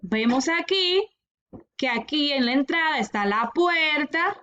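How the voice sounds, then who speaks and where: A woman teacher explaining a lesson to children in a recorded class, patient and repeating each instruction clearly. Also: sits high, animated, unhurried, a bit bright, muffled recording. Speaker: primary school teacher.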